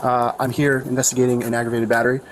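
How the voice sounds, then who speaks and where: Fast-talking policeman, noisy bodycam. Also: medium pitch, flat delivery. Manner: procedural, polite. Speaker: police officer. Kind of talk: investigative questioning. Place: outdoors by a driveway near traffic. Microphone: body-worn camera. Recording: noisy outdoor bodycam, vehicle noise.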